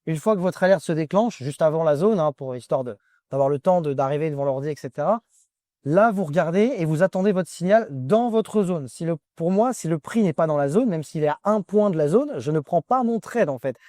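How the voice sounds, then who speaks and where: A man's voice: fairly high pitch, animated, fairly quick, warm tone, no room sound, studio quality. A man as a guest in a casual interview, giving direct advice in short, broken phrases. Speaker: guest trader.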